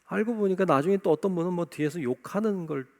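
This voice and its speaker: A man's voice: high-pitched, fast talker, darkish tone. A man preaching a sermon as pastor, emphatic and driving his points home by repeating key phrases. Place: church sanctuary.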